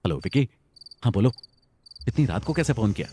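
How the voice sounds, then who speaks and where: A man's voice: fairly low pitch, a little fast, a little hiss or hum, natural voice. A man voicing a jumpy, teasing young villager. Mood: jittery, teasing. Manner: tries to sound calm, teasing. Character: scared young village man, Vicky's friend.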